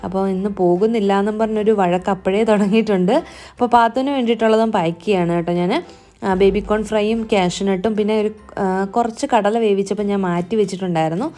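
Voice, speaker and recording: A woman's voice: medium pitch, steady tone, fairly quick, mellow. A woman vlogger narrating her household day in a chatty, friendly voice-over. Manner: chatty, friendly, often adds a conversational tag to sentences. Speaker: homemaker vlogger.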